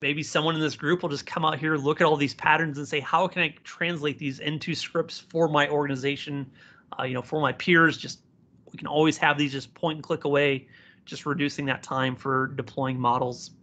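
Encouraging man with a bright, forceful voice. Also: on the high side, steady tone, fairly quick, dull audio. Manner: encouraging, addresses learners directly. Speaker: software instructor, community presenter. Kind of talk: informal live software tutorial.

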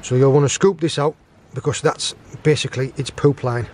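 A man in his thirties with a steady, mid-range, slightly mellow voice speaks fairly quickly, with slight background noise. On a rocky beach he acts as a guest forager demonstrating cooking, preparing seafood by hand and explaining each step in a casual outdoor how-to.

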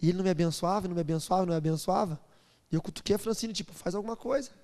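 Animated pastor preaching in a reverberant hall. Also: male voice, high-pitched, rapid-fire. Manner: animated, playful, acts out voices, builds to loud preaching. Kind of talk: sermon with storytelling. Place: church hall.

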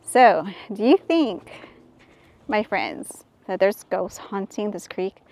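A woman vlogging outdoors on a hiking trail, chatting casually and breaking into excited exclamations and hushed whispers. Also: mid-range voice, slow pace. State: out of breath. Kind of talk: casual walking vlog.

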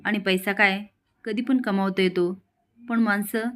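A woman voicing a caring young village wife who pleads gently. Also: mid-range voice, fairly even intonation, measured pace, lightly acted. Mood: worried, pleading.

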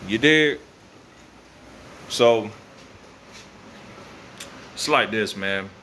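An American man in his thirties with a bright, forceful voice talks off the cuff like a vlogger. He is slangy and likes to repeat a phrase for emphasis. The phone recording has some faint ambient noise from an open garage. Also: lowish voice, extremely slow. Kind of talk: casual rambling vlog to camera. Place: open garage at night, windy weather. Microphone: phone at arm's length.

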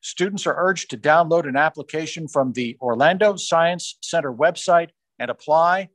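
A man formally reading out science fair award winners on a video call, rising in pitch on each school name. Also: fairly bright tone, no echo. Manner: measured, formal announcing, rising on school names. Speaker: awards announcer. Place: small room on a video call. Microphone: video call microphone.

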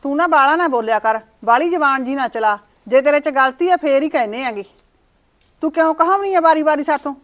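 An actress playing a sharp-tongued mother-in-law who nags and scolds her daughter-in-law, in a village short-film drama. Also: high voice, fast talker. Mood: scolding. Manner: scolding, nagging.

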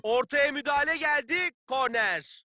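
An actor playing a keen football play-by-play announcer in a video game, calling the match in clipped phrases. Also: male voice, very high voice, unhurried, sharp tone, no room sound, heavily acted. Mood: keen, tense.

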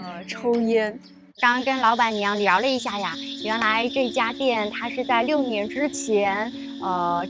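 Recording a casual vlog in a garden and wooden café that's mostly open-air, a Shanghai travel vlogger in her thirties addresses the viewer upbeat in Shanghai-accented Mandarin. Her voice is fairly high; she wears a small clip-on shirt mic, and soft music sits underneath.

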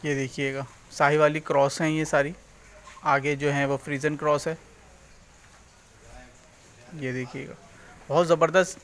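A man's voice: a little high, fairly bright tone, clean tone. Upbeat man. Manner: upbeat, repeatedly pointing things out to viewers. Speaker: farming channel host. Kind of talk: casual walking tour vlog. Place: outdoors on a road, then inside an open-sided cattle shed.

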